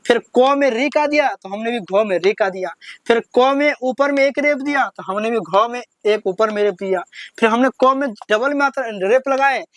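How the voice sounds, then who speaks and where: Man, high voice, alphabet lesson, patient, repetitive, dry sound. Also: moderate pace, a bit bright, no room sound. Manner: patient, repetitive, drawing out each syllable when reciting. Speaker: teacher.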